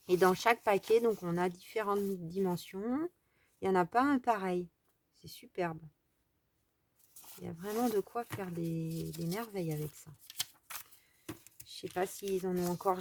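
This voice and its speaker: A French woman hosts a crafting video, chatting casually and thinking aloud with trailing fillers as she walks through the tutorial. Her mid-range voice is a little mellow, with slight background noise.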